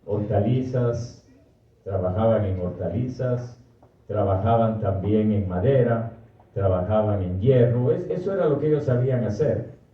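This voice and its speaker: An older Guatemalan priest with a Guatemalan Spanish accent speaks very slowly in a low voice, pausing and correcting himself as he reflects. He is heard from well away from the microphone, in an echoing space with a dull, muffled sound. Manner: slow, thoughtful, self-correcting. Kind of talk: reflective personal talk. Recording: distant, echoey, muffled hall recording.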